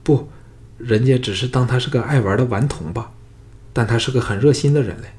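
Man voicing a shy young girl, bashful, pleading, quick little lines, audiobook. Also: lowish voice, a little mellow, close to an everyday voice. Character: shy, timid young woman.

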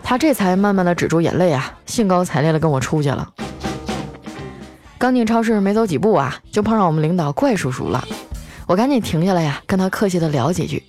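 Lively woman telling comic stories over music. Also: fairly low pitch, brisk. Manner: chatty, playful, draws out sentence endings. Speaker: radio-style comedy host. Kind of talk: comic storytelling. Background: faint background music.

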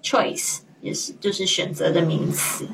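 A woman teaching English online, explaining vocabulary with gentle reminders to the class. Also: fairly low pitch, measured pace, vocal fry, distant mic, loud music behind the voice, poor audio. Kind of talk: online language lesson.

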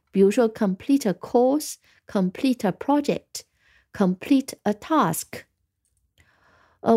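A woman's voice: fairly high pitch, warm tone. A woman teaching an English vocabulary lesson in Chinese, patiently spelling words letter by letter and giving example sentences.

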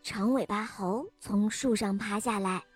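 A woman narrating a children's story with a lively, expressive reading. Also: medium pitch, measured pace, slightly rough, faint music behind.

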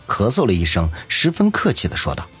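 A man narrating a serialized novel with expressive storytelling. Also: on the low side, fairly quick, breathy edge, soft background music. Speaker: audiobook narrator.

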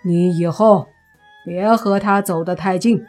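A stern middle-aged father in an audiobook, gruff and scolding, with words set down slowly and weightily, read by a woman. The voice sits a touch low over soft background music. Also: fairly even intonation. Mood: awkward.

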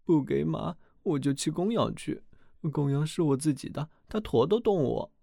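A man voicing a cheerful, foolish young simpleton in a storybook reading, loud and carefree. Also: on the high side, lively intonation, moderate pace, gravelly, no echo, clean studio sound, pitched above the performer's own voice. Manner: boisterous, carefree.

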